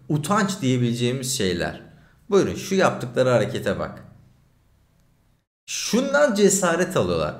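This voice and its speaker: A man, a journalist streaming, giving indignant, animated commentary over a video clip. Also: mid-range voice, reverberant.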